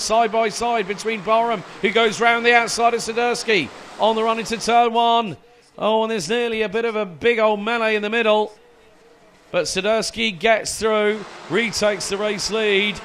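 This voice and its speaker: High-pitched male motorsport commentator in full flow. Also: moderate pace, slight background noise. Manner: excitable and dramatic during race action. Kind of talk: live race commentary.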